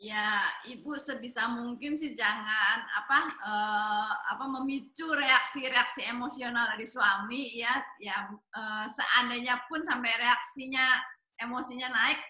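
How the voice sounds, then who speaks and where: Soft-spoken woman with a high bright voice, hesitant marriage advice, lots of ums, echoey room. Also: fairly even intonation, measured pace. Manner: gentle, hesitant, many fillers. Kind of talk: answering questions on a talk show.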